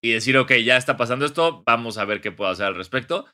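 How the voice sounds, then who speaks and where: A young man with a Mexican accent joins in the jokes on a casual podcast. His voice is very bright at a medium pitch, and he stammers and restarts his words, sometimes trailing off into low mutters. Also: animated, fast. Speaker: podcast co-host. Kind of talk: casual comedic chat.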